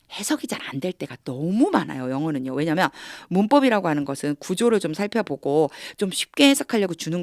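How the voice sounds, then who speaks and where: Low-voiced woman teaching Bible English. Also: no room sound, clean studio sound. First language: Korean. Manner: explains step by step, reads English slowly. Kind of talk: Bible verse English lesson.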